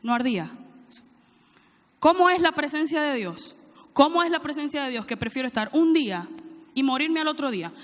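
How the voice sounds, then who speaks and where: A woman's voice: high-pitched, lively intonation, moderate pace, long pauses, long reverb tail. A woman preaching a sermon, reading scripture aloud and prompting the congregation to call back answers. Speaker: preacher, church teaching director.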